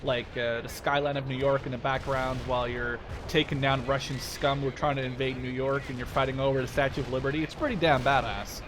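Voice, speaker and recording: A man in his twenties who makes gaming videos gives casual, rambling gameplay commentary, often interrupting himself and swearing mildly. His medium-pitched voice is steady and a little fast, with few pauses. Game battle noise of artillery, gunfire, and vehicles plays behind him.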